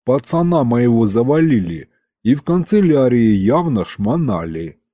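A man's voice: medium pitch, big pitch swings, unhurried, mellow, no echo. A man voicing a streetwise imp henchman who talks in clipped gangster slang. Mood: gruff.

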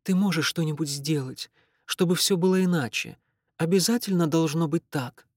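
A male reader voices a remorseful young woman who pleads in a raised, hushed tone, apologizing over and over, softly insistent and dry, close to the mic. The voice is a little high and pushed up but near everyday speech, at normal speed, in a dry recording, with a pleading mood.

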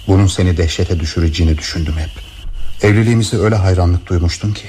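Actor playing gentle widower in a radio drama, deep voice, mellow tone, slow tender confession. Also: male voice, slight background noise, natural voice. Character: devoted widowed man confessing long love. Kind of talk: broadcast radio drama acting.

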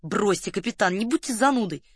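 A woman's voice: medium pitch, lively intonation, a little fast, breathy edge, dry recording, studio quality. Woman doing a swaggering bored general. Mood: breezy. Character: restless swaggering male general, bored and bold.

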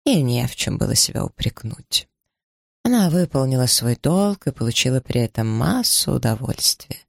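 A man reading a novel aloud in measured, even storytelling narration. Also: medium pitch, gravelly, no echo, studio quality. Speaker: audiobook narrator. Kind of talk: scripted narration.

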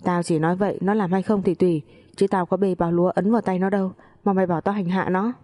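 A bitter, foul-mouthed old mother-in-law from a spoken family story, throwing coarse insults at everyone. A woman reads her in a low, mellow voice. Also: steady tone, quick pace, close to an everyday voice. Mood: scornful. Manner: crude shouting insults.

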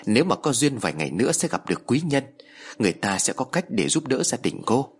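A man voicing a tired, curt older male spirit medium who speaks slowly. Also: medium pitch, big pitch swings, slightly rough. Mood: weary. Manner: slow, tired, dismissive.

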